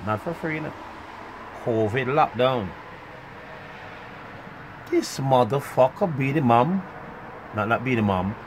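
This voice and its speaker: A man's voice: mid-range voice, lively intonation, unhurried, long pauses, background noise. Foul-mouthed ranting man. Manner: rambling, swinging between loud outbursts and muttered asides. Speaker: vlogger. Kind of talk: profane ranting monologue.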